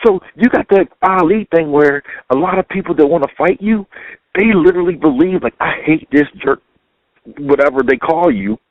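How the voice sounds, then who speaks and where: Excitable man hosting on a phone call. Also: on the high side, a little fast, no echo. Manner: excitable, laughs often, repeats words. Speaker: sports blog show host. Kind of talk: casual podcast interview. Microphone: phone line.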